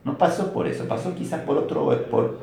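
A man's voice: fairly high pitch, brisk, creaky, heavy reverb, crowd noise. A man with an Argentine Spanish accent giving a religious lecture, telling stories and asking rhetorical questions as he teaches. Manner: storytelling with rhetorical questions, animated. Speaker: rabbi teaching a class.

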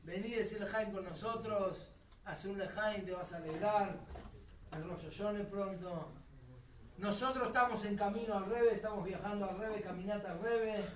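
A man voicing a cheerful pilgrim who warmly urges a sad stranger to join him. The Rioplatense accent is plain, and the voice is high for a man. It comes from a distance in an echoing, noisy room. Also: normal speed, lightly acted. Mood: coaxing. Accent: Rioplatense Spanish.

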